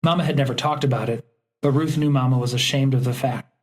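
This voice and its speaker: Male audiobook narrator, measured, mid-pitched, plain read. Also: fairly even intonation, a little mellow, poor audio. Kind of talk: scripted narration.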